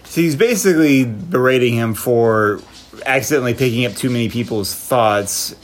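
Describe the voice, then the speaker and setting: A man's voice: mid-range voice, normal speed, slight background noise. A man co-hosting a casual discussion, asking questions and laughing easily. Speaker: podcast co-host. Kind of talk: casual chat.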